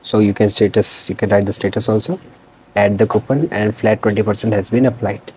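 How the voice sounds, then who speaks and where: A young adult student presents his project in a casual screen-recorded demo from a small indoor room. His husky, low voice stays steady, a little fast and slightly mellow, and he talks loosely and unscripted, with fillers and restarts.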